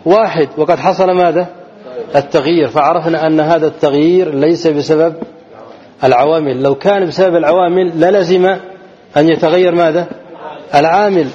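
A man's voice: fairly high pitch, fairly even intonation, a little fast, dark tone. A man teaching an Arabic grammar lesson who keeps asking his students questions, answers them himself and repeats the key words. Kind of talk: classroom grammar lesson with call-and-response questions. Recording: dull lo-fi recording.

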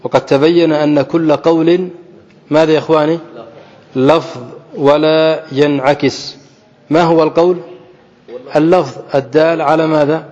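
A man with a slightly raised voice gives a classical grammar lesson. He keeps quizzing his students, repeating key phrases slowly and deliberately. The audio is muffled and carries a long reverb, as though recorded in a big hall or mosque classroom. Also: fairly high pitch, steady tone, a little mellow. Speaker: teacher of Arabic grammar.

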